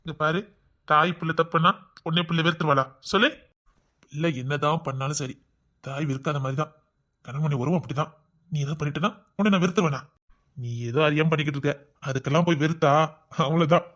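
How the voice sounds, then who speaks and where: A man with a Tirunelveli Tamil accent plays a husband in a family drama skit. His voice sits a little high, and he talks in an earnest, reassuring way that keeps turning into a lecture. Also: fairly even intonation, fast, long pauses, a bit bright. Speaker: lead actor in comedy skits.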